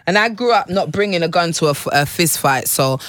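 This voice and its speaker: A woman's voice: on the low side, lively intonation, a little fast, a bit bright, no echo, studio quality. A woman from northwest London with a London roadman accent, chatting casually in emphatic street slang and often checking she is understood. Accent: London roadman, urban multicultural street English. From northwest London, England. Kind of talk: casual chat.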